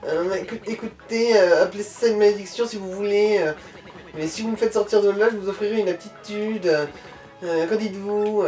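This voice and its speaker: A woman's voice: medium pitch, fairly even intonation, normal speed, mellow, close to an everyday voice. A woman voicing a polite female prisoner in a video game, pleading and a little hesitant as she reads. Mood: coaxing, pleading. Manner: imploring, hesitant read-aloud dialogue. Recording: roomy, distant mic, game music behind.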